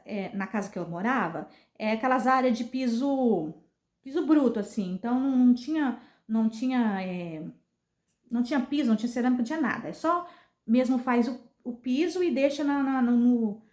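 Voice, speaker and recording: A woman's voice: high-pitched, a little mellow. Brazilian woman in an echoey room. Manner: earnest, repetitive retelling. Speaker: vlogger. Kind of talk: casual personal storytelling. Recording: roomy echo.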